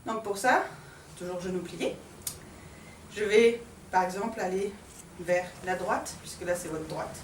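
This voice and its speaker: A woman dance teacher giving a calm step-by-step lesson, demonstrating moves and marking accents with short sounds like "pam". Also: on the low side, a little slow, long pauses, a little hiss or hum. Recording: echoey room from far off.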